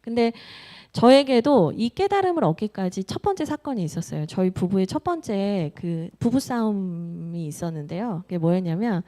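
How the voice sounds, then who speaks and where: A woman's voice: medium pitch, animated, normal speed, hardly any pauses, warm tone. A woman in her thirties, a pastor preaching a sermon in a church and telling a personal story with playful quoted dialogue. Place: church sanctuary.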